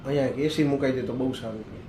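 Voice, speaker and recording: A dying old father who speaks earnestly and tenderly, as a male storyteller puts him on. He pleads with his son at an ordinary pitch. The recording has an echoey, roomy sound. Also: fairly even intonation, quick pace, warm tone, a little hiss or hum, close to an everyday voice. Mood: pleading.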